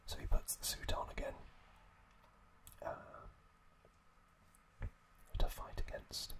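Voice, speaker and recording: Whispering throughout at an unhurried pace, a male ASMR host retells a story in brief phrases broken by hesitant pauses. His tone is fairly bright.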